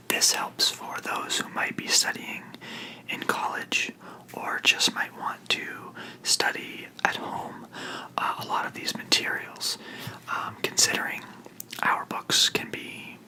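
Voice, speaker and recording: A person in a whispered role-play as a librarian, speaking in a soft, breathy library whisper with polite, reassuring customer-service phrasing. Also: poor audio. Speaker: book club librarian helping a customer, role-played.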